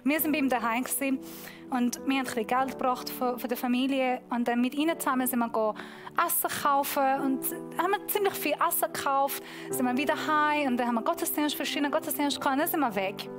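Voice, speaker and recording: A woman pastor delivers a sermon in a high voice. She preaches emphatically and slows right down on the points she wants to land. Clear music plays behind her. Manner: emphatic preaching, slowing down to stress key points.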